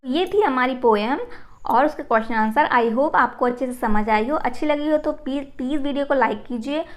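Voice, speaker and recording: A woman teaches a class lesson. She reads the lines slowly and carefully, then explains them at a patient, even pace. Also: high-pitched.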